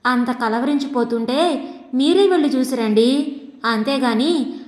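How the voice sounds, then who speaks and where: A sharp-tongued, quarrelsome middle-aged housewife, read by a woman storyteller, taunting and scolding in a fairly high voice. The sound rings in an echoey room with a long trailing reverb, like a storybook reading. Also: a little slow. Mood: sarcastic.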